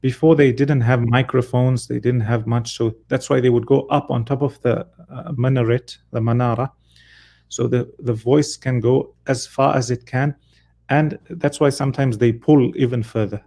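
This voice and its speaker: Gravelly, mellow-voiced male Quran teacher. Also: medium pitch, fairly even intonation, moderate pace. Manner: patient, explains step by step. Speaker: Arabic and Quran reading teacher. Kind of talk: one-on-one lesson.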